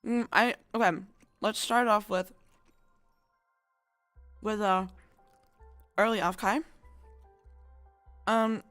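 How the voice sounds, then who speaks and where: A woman's voice: medium pitch, fairly even intonation, slow, pauses often, a bit bright, smooth, dry recording, soft background music. Rambling young woman streamer, dry sound. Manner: rambling, chatty, lots of fillers. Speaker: VTuber streamer. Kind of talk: casual chat stream.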